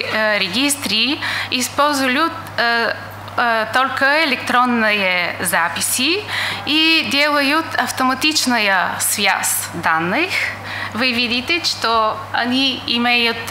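A woman's voice: a little high, takes it slowly, sharp tone. A middle-aged woman who is not a native speaker lectures over slides with a foreign accent and frequent hesitations. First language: not a native Russian speaker. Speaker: conference lecturer. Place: indoor lecture room. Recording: echoey room with faint hiss.

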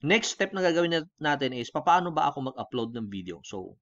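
A man with a Filipino accent talking through a software tutorial in a casual way, switching between Tagalog and English and often checking in with the viewer. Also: a little high, big pitch swings, brisk, dull audio. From Philippines. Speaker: online tutorial host. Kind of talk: screen-recorded software tutorial.

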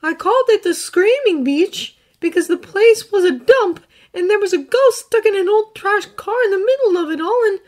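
A gentle teenage boy confides about the ghosts he has known, as a woman puts him on. His voice sits high and moves animatedly, soft and halting with feeling. It is told as a storybook reading. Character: earnest teenage boy who sees ghosts. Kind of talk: fan fiction audiobook reading.

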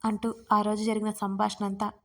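A woman narrating her own romance audiobook. She reads in a steady, expressive storyteller's manner, at an ordinary mid pitch. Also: normal speed. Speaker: storyteller and writer.

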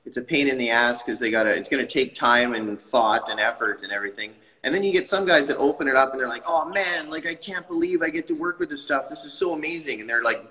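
Bright-voiced enthusiastic tile guy. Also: mid-range voice, long reverb tail, poor audio. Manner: enthusiastic, animated hand gestures. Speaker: tile company owner, guest. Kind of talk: casual interview talk. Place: tile showroom, indoors. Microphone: video call webcam.

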